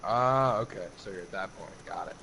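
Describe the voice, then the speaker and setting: A man's voice: low-pitched, normal speed, creaky, bright, forceful tone, a little hiss or hum, low-quality recording. A man co-playing a video game, giving blunt, joking advice and swearing freely. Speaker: co-player. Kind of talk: casual gameplay chat.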